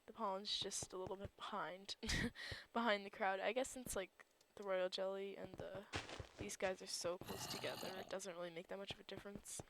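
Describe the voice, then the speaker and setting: A woman's voice: medium pitch, flat delivery, normal speed, noisy background. A woman giving casual gameplay commentary, groggy in her morning voice, rambling and thinking aloud with lots of fillers. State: groggy just-woke-up morning voice. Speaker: server owner and gameplay commentator.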